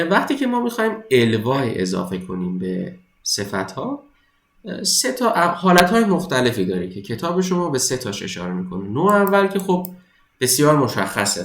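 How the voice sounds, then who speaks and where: A man teaching an English exam-prep lesson, reading each English sentence slowly and then explaining it in Persian. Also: medium pitch, reverberant, rough recording.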